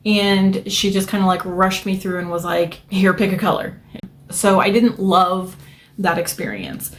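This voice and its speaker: A young adult woman vlogging from home in front of her polish wall, telling a long story in a rambling, chatty way, full of fillers and restarts, a little self-conscious. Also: on the low side. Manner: self-conscious, nervous hand habit. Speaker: nail art vlogger. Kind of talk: casual storytelling vlog.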